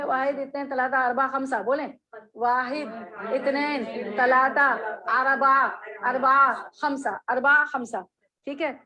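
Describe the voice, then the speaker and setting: A woman teaching a religious lesson, reading Arabic phrases slowly and explaining each one with patient repetition and gentle drilling. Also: high voice, highs cut off. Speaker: Islamic studies teacher.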